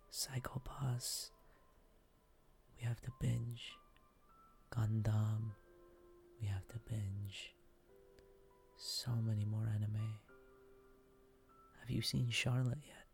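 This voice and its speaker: A man whispering softly in an intimate, affectionate boyfriend roleplay for ASMR. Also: on the low side, little pitch movement, slow pace, vocal fry, pauses often, soft background music.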